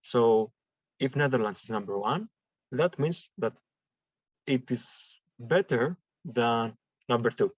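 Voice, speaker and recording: A man's voice: medium pitch, no room sound. Man lecturing in class. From Greece. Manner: explains slowly with examples and repetition. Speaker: statistics lecturer. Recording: dull dry lecture recording.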